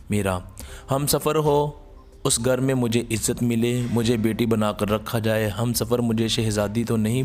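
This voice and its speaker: A man with a low voice voicing a poor, shy young woman who speaks softly and pleads with a trembling voice. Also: lightly acted.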